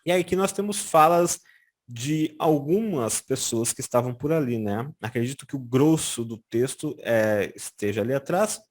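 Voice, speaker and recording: A Brazilian man teaching German in a casual lesson, often checking in with "tá?" and saying German examples slowly and carefully. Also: medium pitch. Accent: Brazilian Portuguese. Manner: lively, frequent "tá?" check-ins, slow careful German examples. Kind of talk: casual explanatory language lesson.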